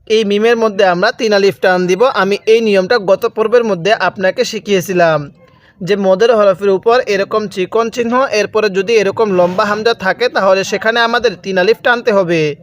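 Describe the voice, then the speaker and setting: A man teaching Quran recitation step by step, spelling out letters and then reciting the words slowly and drawn out, and putting questions to the viewer that he answers himself. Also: sits high, fairly even intonation.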